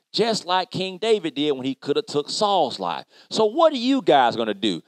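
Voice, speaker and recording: A high, lively construction worker storyteller. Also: male voice, no echo. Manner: animated, chatty, addresses kids directly. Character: upbeat male construction worker telling kids a story. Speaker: children's church storyteller. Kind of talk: kids' Bible lesson storytelling.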